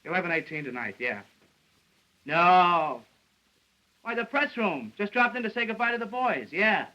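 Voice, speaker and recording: Bright, high-voiced brash newspaperman. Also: big pitch swings, normal speed, full character voice, low-quality recording. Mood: affectionate. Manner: slangy, wisecracking banter. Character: brash, cocky newspaperman, quick-witted and scornful. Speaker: newspaper reporter. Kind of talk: 1930s film screwball comedy banter. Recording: old 1930s film soundtrack.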